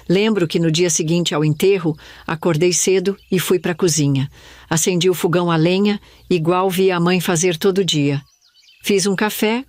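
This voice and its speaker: An older woman from Brazil telling a sad childhood memory in first person, in a slow, somber storytelling manner. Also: fairly low pitch, dry recording, studio quality. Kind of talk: scripted first-person narration.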